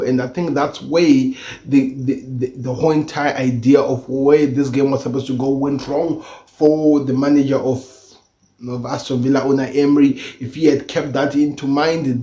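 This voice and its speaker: A man's voice: mid-range voice, warm tone. A man hosting football reaction commentary, emphatic and repeating himself for stress, his speech slightly impeded by a sore tooth. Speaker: football channel host. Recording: dull, echoey room recording.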